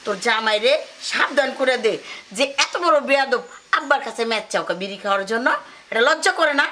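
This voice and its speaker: A woman's voice: a little high, fast talker. A woman playing a scolding village mother. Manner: scolding, calling out loudly. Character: village mother, scolding and fussing over daughters. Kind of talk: rural comedy drama acting.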